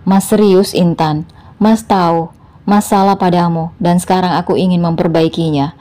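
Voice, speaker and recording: A woman voicing a selfish male ex-husband in a narrated story; she keeps a low, mellow voice, first pleading and then accusing. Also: fairly even intonation, normal speed, close to an everyday voice. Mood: pleading, defensive.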